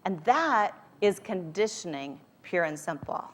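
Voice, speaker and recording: A woman's voice: lowish voice, expressive, unhurried. A woman giving a motivational talk to a live audience, speaking informally and directly, coaxing her listeners. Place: speaking live at a group event.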